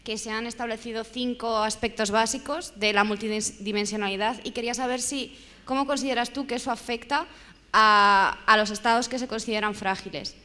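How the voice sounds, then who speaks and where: A woman in the audience asking a question, nervous, rushed and halting. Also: on the high side, steady tone, sharp tone. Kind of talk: question from the floor. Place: large lecture hall. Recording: reverberant hall.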